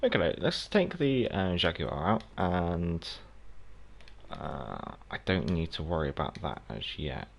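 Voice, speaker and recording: A South African man whose first language is Afrikaans hosts a game livestream, chatting casually while he plays and reading out and answering viewers by name. His voice is low-pitched and gravelly, very animated, and slow.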